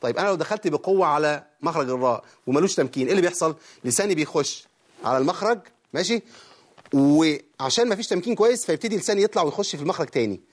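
Fast-talking Egyptian man teaching Quran recitation. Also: a little high, lively intonation. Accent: Egyptian Arabic. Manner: asks questions and answers them himself, demonstrates sounds. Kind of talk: lecture on recitation.

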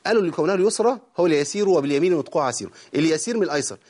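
A man with an Egyptian Arabic accent lectures on the rules of Quran recitation, often asking himself a question and then answering it, and demonstrating the sounds as he goes. His voice is on the high side and darkish in tone, with lively intonation and a very fast delivery.

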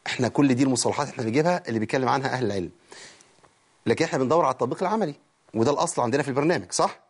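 Fast-talking Egyptian man teaching Quran recitation. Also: medium pitch, breathy edge. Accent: Egyptian Arabic. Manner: asks questions and answers them himself, demonstrates sounds. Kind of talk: lecture on recitation.

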